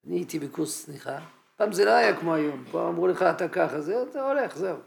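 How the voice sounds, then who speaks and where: A man's voice: a little high, expressive, gravelly. A man teaching a humorous religious lecture in a yeshiva study hall, telling stories and acting out scenes. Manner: anecdotal, acts out scenes.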